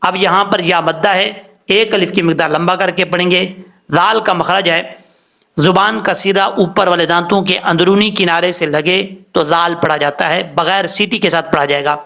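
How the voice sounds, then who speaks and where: A man teaching Quran recitation, explaining slowly and spelling out letters with drawn-out chanted examples. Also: high voice, fairly even intonation, gravelly, pushed and bright. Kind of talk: recitation lesson.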